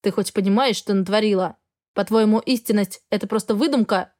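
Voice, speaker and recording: A woman voicing a cold, arrogant male dragon husband who speaks in a flat, indifferent tone. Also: mid-range voice, brisk, lightly acted.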